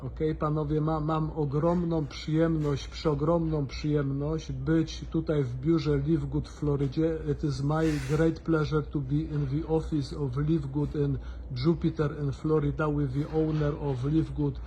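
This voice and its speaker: A Polish-accented man speaks in a slightly raised pitch over faint background noise. He presents like an enthusiastic visiting host, effusive and halting, often repeating words for emphasis. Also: flat delivery, dark tone. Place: indoors, office and warehouse.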